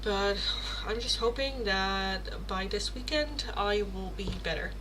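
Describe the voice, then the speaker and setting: Speaking unhurriedly in a medium-pitched voice over background noise, a thirty-something tarot streamer chats live with her audience and fields their questions. She laughs a lot, pokes fun at herself and swears offhandedly.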